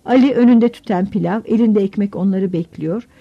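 A woman narrating a novel in measured storytelling, giving the characters voices. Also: medium pitch, breathy edge. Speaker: audiobook narrator. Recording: dull lo-fi audiobook recording.

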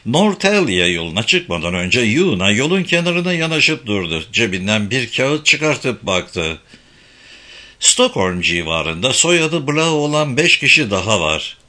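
A man narrating a novel as an audiobook with expressive, animated reading. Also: medium pitch, unhurried. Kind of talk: scripted narration.

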